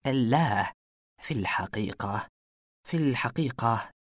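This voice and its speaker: A man's voice: medium pitch, animated, a little slow, darkish tone, no echo, studio quality. A man doing a stammering, frightened witness. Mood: nervous. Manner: stammering, hesitant. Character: nervous stammering male witness, adult.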